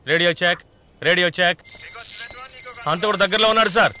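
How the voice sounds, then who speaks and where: An actor playing a police officer who speaks in clipped call-outs over a crackly police radio. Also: male voice, high voice, fairly quick.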